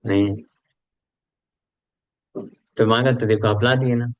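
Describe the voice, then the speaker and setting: A man's voice: medium pitch, steady tone, takes it slowly, no echo, highs cut off. A man giving a conversational scripture class as a preacher, asking his listeners questions and mixing Hindi with English.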